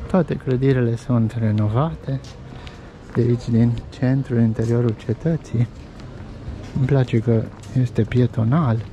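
A man's voice: medium pitch, steady tone, warm tone. A man vlogging casually as he walks through an old town, pointing out sights, food and prices. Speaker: travel vlogger. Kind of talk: casual walking-tour commentary. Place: outdoors in a pedestrian old town. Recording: lo-fi outdoor recording with street noise.

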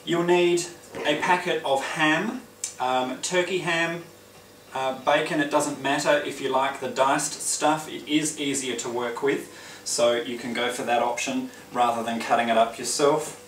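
A man playing a glamorous, genteel lady who hosts a home cooking demonstration with theatrical, drawn-out phrasing. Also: medium pitch, fairly even intonation, fairly bright tone, a little hiss or hum, lightly acted. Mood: poised, instructive. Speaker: cooking show host. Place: indoor home kitchen. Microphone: distant camera microphone. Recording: roomy kitchen, distant mic, clattering dishes.

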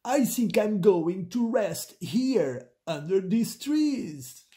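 A high sing-song pig girl, voiced by the reader. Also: lively intonation, takes it slowly, warm tone. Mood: eager. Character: hot, clumsy, cheerful female pig.

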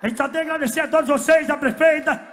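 A man acting as MC on a live stage, loudly leading the crowd and counting them in. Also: extremely high pitch, rapid-fire. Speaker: show MC.

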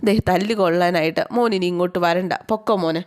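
A woman's voice: lowish voice, fast talker, darkish tone, close to an everyday voice. A woman voicing a tender old mother who pleads through tears. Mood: tearful. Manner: tearful, pleading.

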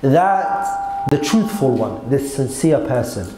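A man's voice: medium pitch, very animated, slow pace, dark tone. A man giving an emphatic, conversational religious lecture as a teacher, checking in with listeners through rhetorical questions. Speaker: Islamic teacher. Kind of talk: religious lecture explaining a text to a class. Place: seated at a desk in a hall indoors. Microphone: gooseneck desk microphone. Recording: echoey room with faint background noise.

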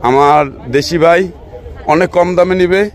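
A man's voice: high-pitched, fairly even intonation, moderate pace, some chatter behind. A man hosting a gardening channel, walking through plant stalls outdoors and promoting them in a repetitive, upbeat patter. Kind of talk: promotional walkthrough at a tree fair.

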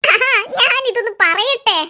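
Lady voicing a cheeky little cartoon kid, giggles while teasing, squeaky bright. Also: measured pace, heavily acted. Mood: giggly teasing. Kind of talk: cartoon voice acting.

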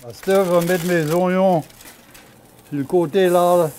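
Elderly Cajun man, slightly high-pitched voice. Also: steady tone, moderate pace, darkish tone. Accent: Cajun Louisiana. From Louisiana. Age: elderly, 70s or older. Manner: plain, folksy, short phrases. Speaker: home cook and storyteller. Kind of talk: casual cooking demonstration and storytelling. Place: home kitchen, indoors. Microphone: lapel microphone. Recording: clearly audible room and kitchen noise.

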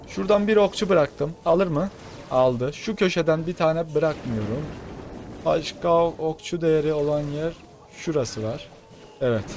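A young man giving fast, excitable gameplay commentary, talking to his viewers like friends. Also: on the high side, slight background noise. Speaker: gaming channel host.

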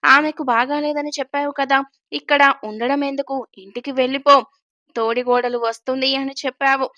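A woman's voice: high-pitched, steady tone, normal speed, pushed and bright, no room sound, lo-fi sound. Woman voicing a caring, advising aunt. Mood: suspicious. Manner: soothing, advising tone. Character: caring middle-aged aunt, gentle but firm.

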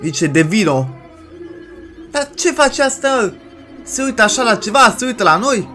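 A man hosting a reaction video, giving casual, excitable commentary with jokes and exclamations. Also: high-pitched, faint music behind.

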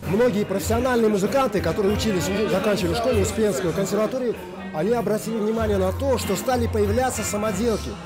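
An older male musician speaks in a casual interview, animated and sometimes tripping over long words. His voice is high, and loud music with crowd noise runs underneath. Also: fast talker.

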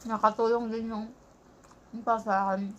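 A woman's voice: fairly high pitch, flat delivery, moderate pace, slight background noise. A woman vlogger chatting casually to her viewers with her mouth full while eating. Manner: chatty, addresses viewers as guys. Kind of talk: casual mukbang chat.

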